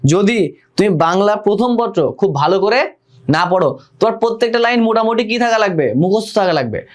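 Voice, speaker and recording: A young man teaching a live online admission class, who keeps asking students questions, repeats himself and reads their comments aloud. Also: sits high. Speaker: admission test tutor.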